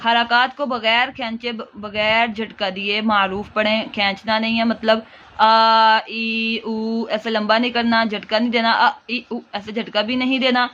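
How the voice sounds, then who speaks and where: A woman teaching Quran reading, speaking with a Pakistani Urdu accent and patiently drawing out each syllable in slow drills. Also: fairly high pitch, level tone, a bit bright. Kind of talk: slow instructional recitation lesson. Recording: dull lo-fi audio, faint hiss.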